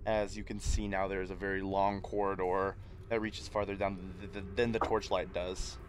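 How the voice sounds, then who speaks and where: Halting Midwestern man running a tabletop game. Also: deep voice, level tone, slight background noise. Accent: Midwestern American. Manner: halting, many fillers and restarts. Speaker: game master. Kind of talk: narrating a tabletop game stream.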